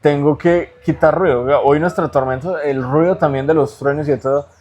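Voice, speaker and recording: A man's voice: fairly high pitch, fairly even intonation, fairly quick, darkish tone. A man as an interview guest, giving earnest spiritual teaching in a conversational way and checking in with rhetorical tag questions.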